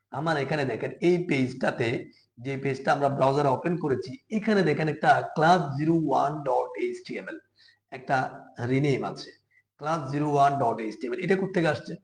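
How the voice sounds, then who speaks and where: Patient male coding teacher, echoey room. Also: a little high. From Bangladesh. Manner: slow, patient, step-by-step, often asks "ঠিক আছে?". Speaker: programming teacher. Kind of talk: live screen-share coding class.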